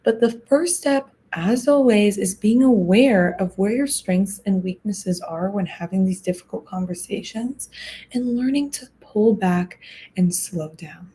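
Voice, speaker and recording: A young woman in her twenties hosting a podcast, talking through advice in an earnest, reflective way, pausing and restarting as she thinks. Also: mid-range voice, dark tone, a little hiss or hum. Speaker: podcast host. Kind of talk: casual advice talk.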